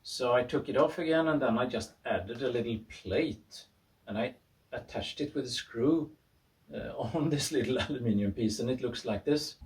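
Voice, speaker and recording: A man with a medium, slightly mellow voice talks at a normal pace about an experiment he ran in his garage. It's a casual explainer video, and he muses hesitantly and pokes gentle, amused fun at himself, though the mic is some distance away.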